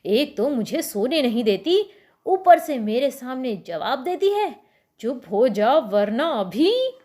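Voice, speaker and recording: A woman teacher voicing an angry lion, king of the jungle, who shouts threats. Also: sits high, big pitch swings, slow pace, full character voice. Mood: irritated.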